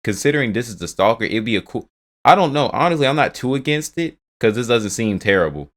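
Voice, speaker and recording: A man's voice: medium pitch, expressive, fast. A man casually rambling through reaction commentary, swearing often and restarting his sentences. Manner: rambling, profane, restarts a lot. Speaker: video host reacting to game news.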